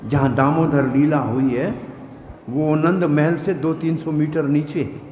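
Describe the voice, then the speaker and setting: A high-voiced man delivers a devotional scripture discourse, unhurried and deliberate, bringing each scene to life as he explains the verses. His voice rings through a large hall with a long, roomy reverb, and a faint hiss sits underneath. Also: fairly even intonation, lo-fi sound. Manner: vivid storytelling that acts out scenes and explains verses. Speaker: preacher. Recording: echoey hall with faint noise.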